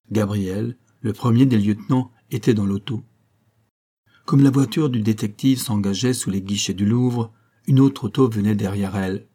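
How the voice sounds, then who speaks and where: A man reading a detective novel aloud as narrator, with steady, measured phrasing. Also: lowish voice, husky.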